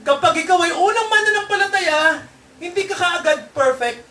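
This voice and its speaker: High-voiced preacher man, echoey church. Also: animated, moderate pace, sharp tone, recorded from a distance. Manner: constant tag questions to the congregation. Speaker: pastor. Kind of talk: Taglish sermon.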